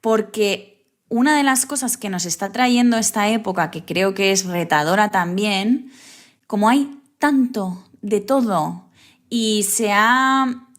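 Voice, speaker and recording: A woman's voice: medium pitch, slow pace. A woman guest in an interview, speaking thoughtfully, often restarting her phrases and adding tag questions. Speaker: guest photographer. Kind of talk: reflective interview talk.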